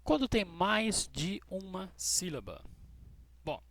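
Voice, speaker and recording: A Brazilian man teaching English grammar to students, patient and checking in often with short questions, spelling out letters slowly. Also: high voice, big pitch swings, a bit bright. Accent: Brazilian Portuguese. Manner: spells out letters slowly, stressing key words. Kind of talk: explaining grammar rules to students.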